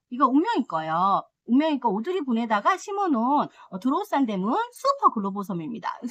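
Middle-aged woman vlogger, chatty and giggly, bright high lively voice. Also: dry recording. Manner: chatty, excitable, laughs often. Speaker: succulent vlogger. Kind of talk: casual unboxing chat.

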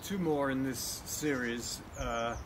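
An older man reading prayers and scripture aloud in a solemn, measured, reverent manner, like a closing blessing. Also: medium pitch. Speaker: prayer leader. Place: outdoor garden by a hedge. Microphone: camera a few metres away. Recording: outdoors, loud birdsong and ambient noise.

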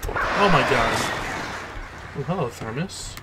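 Slow-paced male horror game streamer, noisy background. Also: mid-range voice, expressive. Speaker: let's play streamer. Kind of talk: casual horror game commentary. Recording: clearly noisy, game ambience behind. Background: horror video game ambience and effects.

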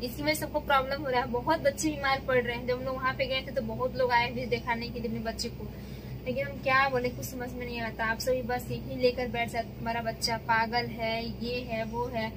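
A woman talks directly to her viewers in an earnest, pleading way. Her words come with a sense of hurt. The recording has clear background noise with vehicles passing. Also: high-pitched, flat delivery, fast talker. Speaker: vlogger, mother. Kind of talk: casual vlog talk to viewers.

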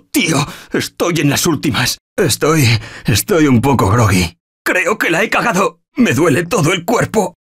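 An anxious everyman fighting through a zombie video game. His Castilian Spanish voice is husky and emotive. He speaks in slangy, unhurried phrases with big swings in pitch. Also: a bit bright, exaggerated voice. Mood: weary, desperate.

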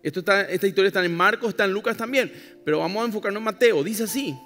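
A male pastor with a high, slightly bright voice preaches rapid-fire and emphatically, mixing wry irony with asides to the congregation. It's recorded live in a church hall with long reverb and faint music.

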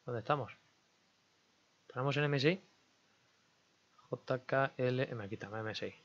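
A man's voice: medium pitch, slow pace, muffled recording. A man giving casual, chatty commentary as he plays a management game, talking to himself and his viewers. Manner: chatty, talks to himself and viewers while negotiating. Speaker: gaming YouTuber.

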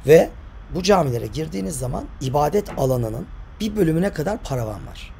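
Casting: older male guide, dark gravelly voice, opinionated vlog rant, faint noise behind. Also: on the high side, expressive, brisk. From Turkey. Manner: emphatic, argumentative, rhetorical questions. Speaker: tour guide and author.

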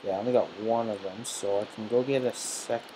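A man's voice: fairly low pitch, brisk. A teenage boy talking through his own video game session, jittery and nervous, muttering to himself as he plays. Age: teens. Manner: nervous, jittery self-talk while playing. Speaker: gamer. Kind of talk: let's play commentary. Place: room in a family home. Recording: steady background hiss.

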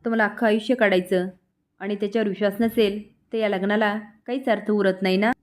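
Calm, firm middle-aged mother, read by a woman narrator, steady mid pitch. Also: fast talker, natural voice. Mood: stern. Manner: firm advising tone.

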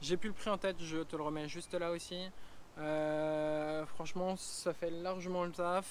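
A man in his thirties, speaking in a slightly high voice with little pitch movement and a measured pace, gives a casual, chatty vlog walkthrough full of fillers. He's a travel vlogger filming on an action camera, first in a roof tent on a car and then outdoors in the bush. A little hiss or hum runs under the recording.

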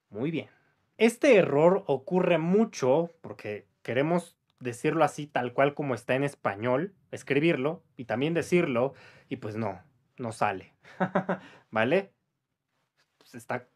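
Male language teacher, patient and unhurried, lively pitch, modeling words for repetition. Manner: patient, models words slowly for the listener to repeat; chuckles between explanations. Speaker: English teacher. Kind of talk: pronunciation lesson.

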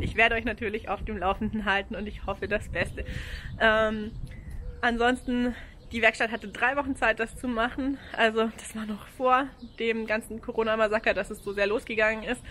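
Holding an action camera at arm's length, a woman in her forties with an Austrian German accent vlogs casually and frankly in and around her camper van outdoors, with lots of ums and little laughs. Her slightly high voice comes over a noisy background.

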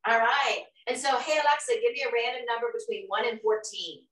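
A woman's voice: on the high side, fairly quick. A middle-aged woman hosting a live online show from a large kitchen, bubbly and addressing her viewers. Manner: bright, bubbly, audience-engaging. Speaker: host. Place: large home kitchen, indoors. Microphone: camera across the room. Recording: roomy sound from a distant camera mic.

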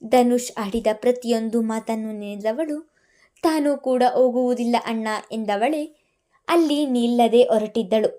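A woman storyteller narrating a serialized family drama in an expressive, scripted reading. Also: fairly high pitch.

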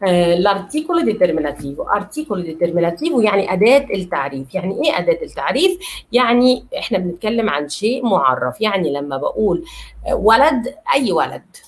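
Woman, Egyptian Arabic accent, language teacher, slow careful repetition, patient explaining. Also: fairly low pitch, very animated. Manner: explains patiently, repeats words slowly and checks understanding. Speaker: Italian teacher. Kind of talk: online language lesson.

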